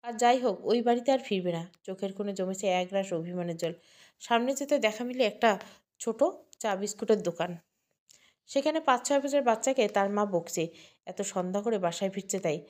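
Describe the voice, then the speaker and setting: A woman narrating an emotional audio story in an even, heartfelt way. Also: medium pitch, a little fast.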